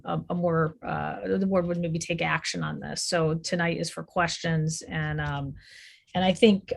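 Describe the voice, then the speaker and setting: A woman's voice: lowish voice, gravelly. A woman chairing a town board meeting, meandering with frequent fillers. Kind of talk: public meeting discussion.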